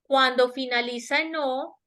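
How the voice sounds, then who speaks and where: A woman whose voice sits high, pushed and bright, with fairly even intonation, teaches English grammar in an online class using Spanish with a Latin American accent. She goes slowly, explains, and checks understanding with repeated questions over a webinar headset or laptop mic.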